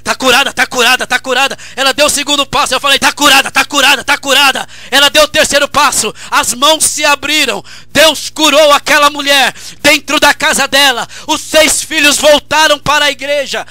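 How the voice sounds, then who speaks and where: A man with a Brazilian Portuguese accent preaching a radio sermon with passion, at times shouting repeated phrases. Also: very high voice, fairly even intonation, brisk, few pauses, no echo. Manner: impassioned preaching with shouted repetitions. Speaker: pastor.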